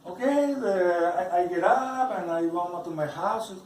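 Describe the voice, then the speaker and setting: A man, not a native English speaker, giving a personal religious testimony in halting speech, often restarting and repeating his words. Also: high-pitched, lively intonation, darkish tone, slight background noise. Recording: roomy, from some distance off the mic.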